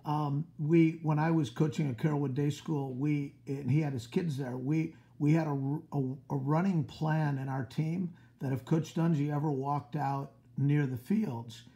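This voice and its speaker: Coach guy hosting a kids' video call interview, gravelly, dark mellow tone, lots of uhs. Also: fairly high pitch, fairly even intonation, measured pace, few pauses. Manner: upbeat, many fillers. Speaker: host, school coach. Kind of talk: interview for schoolchildren.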